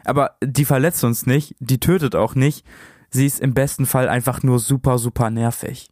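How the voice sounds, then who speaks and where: A man's voice: medium pitch, steady tone, normal speed, darkish tone, no echo, studio quality. A man telling stories as a podcast co-host, in a conversational narrating style.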